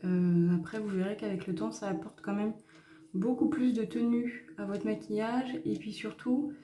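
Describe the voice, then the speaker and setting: A woman's voice: medium pitch, dark tone, echoey room, a little hiss or hum. A woman talking through a makeup tutorial in a casual, hesitant way with many fillers. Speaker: makeup vlogger.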